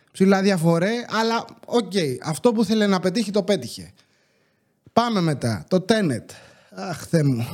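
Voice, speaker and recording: A young man hosts a casual podcast from home, with a fairly high-pitched voice. He tells his story in an animated way and keeps jumping into the voices of the people in it. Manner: animated storytelling, acting out dialogue with shifting pitch. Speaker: podcast host.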